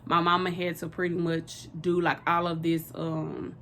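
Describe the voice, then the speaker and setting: A woman's voice: fairly low pitch, flat delivery, moderate pace, fairly bright tone, slight background noise. A young woman, telling a personal story in a rambling, casual way with lots of fillers.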